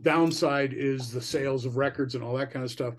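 A man's voice: medium pitch, steady tone, fairly quick, soft background music. A middle-aged man talking as the guest musician on a video call, rambling and enthusiastic with many "you know"s. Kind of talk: casual interview chat. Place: indoor room at home.

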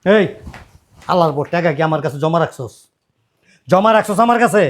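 An actor playing a loud middle-aged father-in-law who keeps berating his idle son-in-law. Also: a little high, fairly quick, natural voice. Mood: furious. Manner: shouting, berating, repetitive rants.

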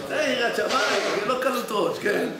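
A man's voice: very high voice, heavy background noise. A man, a rabbi, giving a Torah class in a study hall, telling stories in a conversational way and often asking his listeners questions. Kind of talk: Torah lesson with anecdotes. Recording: very echoey hall.

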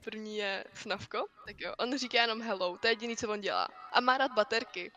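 A woman's voice: a little high, sharp tone. A woman chatting on a video call, giggly and telling stories. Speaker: guest. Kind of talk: casual video chat.

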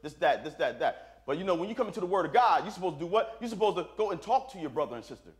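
A man's voice: high-pitched, lively intonation, very fast. A man preaching a sermon to his congregation, talking plainly and informally and checking in with "right?" after his points. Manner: call-and-response, asks the congregation "right?"; plain-spoken, informal grammar. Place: church sanctuary. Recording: echoey church room.

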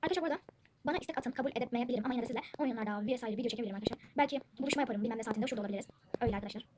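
A high-pitched young woman rattling off quick, chatty gameplay commentary and calling out to her viewers again and again. She is recorded at home, with siblings' chatter clearly audible in the background. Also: background noise. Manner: chatty, addresses viewers constantly. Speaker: gaming channel host. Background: siblings talking in the background.

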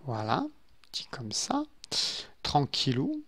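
Slow and husky, this man's medium-pitched voice swoops wildly up and down with a fairly bright tone. He's a gaming YouTuber doing laid-back let's-play commentary from his home computer in a room with a glass desk, chatting and muttering to viewers while he builds.

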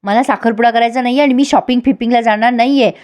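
A woman's voice: fairly high pitch, steady tone, quick pace, darkish tone, close to an everyday voice. A woman voicing a scheming young wife who complains and frets to her husband. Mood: fretful.

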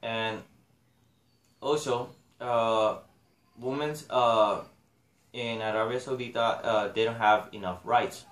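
A man's voice: medium pitch, fairly even intonation, slow, pauses often, fairly bright tone. A young man gives a class presentation in English, hesitant and full of filler sounds, recorded on a laptop mic in a small room. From Honduras. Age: young adult. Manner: hesitant, many filler uhs. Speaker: student presenter. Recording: echoey room.

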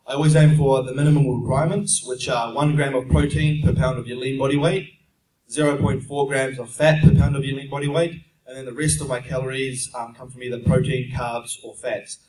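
A young New Zealand man, a fitness speaker, answers audience questions at a casual expo seminar, explaining steadily and plainly with frequent "um"s. His medium-pitched voice is brisk. He uses a handheld mic but is heard from a distant camera across a large, echoing conference room with faint background noise.

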